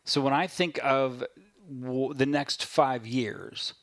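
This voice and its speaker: A man talking shop as a podcast guest, wry and quick, often checking in with "right?". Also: mid-range voice, fairly even intonation, a bit bright, no room sound. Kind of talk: casual conversation.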